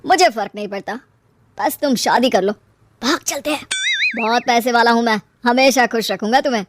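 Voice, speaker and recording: A woman voicing a smooth-talking young man in a cartoon story, in a slightly lowered, coaxing voice. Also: moderate pace, noisy background, lightly acted. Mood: charming. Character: smooth-talking young man, suitor turned taunting husband.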